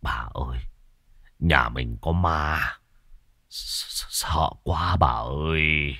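A man's voice: rumbling low, takes it slowly, sharp tone, voice pushed down, heavily acted. A man voicing a terrified old husband who stammers in a faint, shaky voice in a ghost story.

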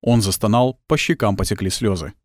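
A man narrating a dramatic audiobook in an expressive storytelling manner. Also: on the low side, fairly quick, no echo, clean studio sound.

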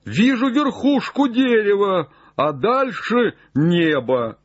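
Man doing a shrill old male servant, wary and sly, husky, slow drawl, audiobook. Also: huge pitch swings, no echo, muffled recording, exaggerated voice. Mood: calling down. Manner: high drawn-out calls from far up a tree.

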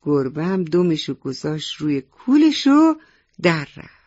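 A woman's voice: low voice, big pitch swings, highs cut off. A woman storyteller narrating a children's bedtime story on the radio, speaking directly to the children listening. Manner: warm, addresses children directly.

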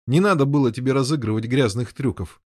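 A noble knight speaks in measured, stern tones, as a man reads him. His voice sits at a middle pitch. The sound is dry, with no room. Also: breathy edge, no room sound, natural voice. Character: stern noble male knight, calm and firm.

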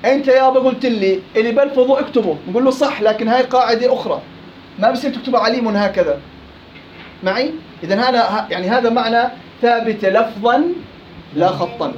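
Fast high-voiced Levantine teacher quizzing a class. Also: male voice, a little hiss or hum. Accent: Levantine Arabic. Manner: questioning students, teasing and lively. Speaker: Quran recitation teacher. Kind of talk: live classroom lesson. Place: classroom with students. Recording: dull lo-fi classroom recording.

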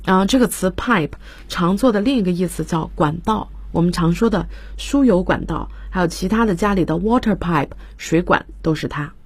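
A woman teaches vocabulary on a studio radio lesson, spelling each word out letter by letter. Her voice is low and a little husky. The sound is dry and close. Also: normal speed, hardly any pauses, no room sound. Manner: explains patiently, spells words letter by letter. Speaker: English teacher.

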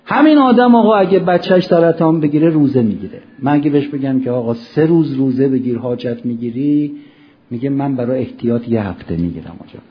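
A middle-aged man preaching a Ramadan sermon, asking rhetorical questions and swinging between soft and loud. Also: mid-range voice, animated, husky. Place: mosque hall. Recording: dull lo-fi recording.

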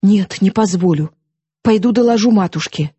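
A woman reading an audiobook, voicing a gentle, frightened young woman pleading through tears. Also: medium pitch, normal speed, breathy edge, dry recording. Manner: pleading, soft, tearful.

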